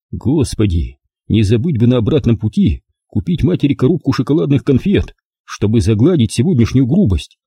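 A man reading a novel aloud as an expressive audiobook narrator. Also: medium pitch, breathy edge, no room sound, clean studio sound. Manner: expressive storytelling. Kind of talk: scripted narration.

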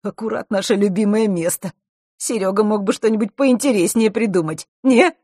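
A woman's voice: mid-range voice, moderate pace, dark tone, no echo, studio quality, voice pushed up, close to an everyday voice. A woman voicing a lazy, grumbling boy at summer camp who drawls his lines. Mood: lively.

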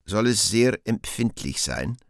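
An actor playing a polite, touchy, elegant Devil with a sonorous bass and a theatrical manner in a radio play. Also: male voice, very animated, a little slow, no echo, clean studio sound. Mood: suave. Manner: refined, courteous, somewhat theatrical.

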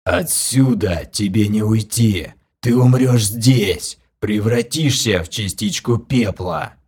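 A man voicing a gloating, bloody undead old woman with a grating voice, speaking slowly and solemnly in an audiobook. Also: lowish voice, a little mellow, breathy edge, full character voice. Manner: slow, solemn, gloating delivery. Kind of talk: audiobook character voice.

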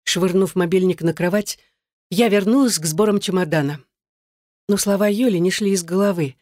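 A woman with a low voice narrates a first-person story in a soft, earnest way. The reading is close and dry, with no room echo. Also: normal speed. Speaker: audiobook narrator.

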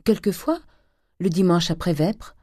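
A woman's voice: fairly low pitch, expressive, a little slow, dark tone, dry recording, studio quality, pitched above the performer's own voice. A woman reading an audiobook, voicing a pious, timid middle-aged provincial mother who speaks primly.

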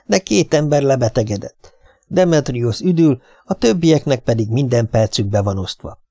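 A man's voice: medium pitch, expressive, dark tone, dry recording, clean studio sound. A man voicing a nervous middle-aged husband who coaxes and reassures his wife, in an audiobook. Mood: coaxing. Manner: coaxing, reassuring, plain.

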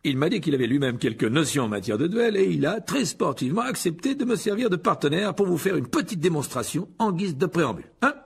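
A man voicing a vain, pompous adult wizard teacher who boasts in a high, theatrical, booming voice. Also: very animated, quick pace, vocal fry, few pauses, slightly rough, full character voice. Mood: showy boastful.

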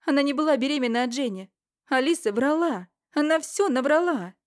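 A woman voicing a frantic young woman in an audiobook, speaking loudly and in a rush. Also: expressive, no echo, clean studio sound. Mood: desperate. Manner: loud, rushed, high-strung. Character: frantic young woman, desperate to stop a fight. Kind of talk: audiobook character reading.

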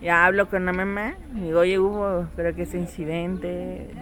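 Mom telling a story, lively, does everyone's voices. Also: female voice, on the low side, a little slow. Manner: animated, quotes her child and others in lively voices. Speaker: mother telling a family story. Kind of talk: casual storytelling.

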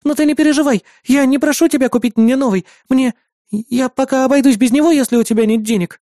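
A man's voice: extremely high pitch, quick pace, dark tone, dry recording, studio quality, pitched above the performer's own voice. Man doing a sweet clingy little sister. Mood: pleading, sweet. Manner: affectionate, pleading, clingy. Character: young girl, sweet devoted little sister.

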